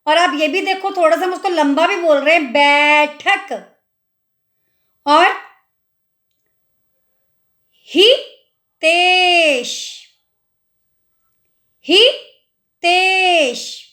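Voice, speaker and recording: A woman with a very high, slightly bright voice teaches Hindi to children, pronouncing words slowly syllable by syllable. She explains patiently and asks the viewer questions along the way. The room is echoey.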